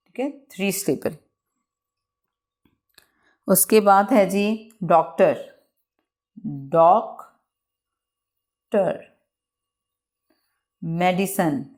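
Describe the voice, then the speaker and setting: A woman teacher giving a bilingual English lesson, reading out example sentences and spelling out words slowly, one by one. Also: lowish voice, a little mellow. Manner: slow, drawn-out word-by-word pronunciation.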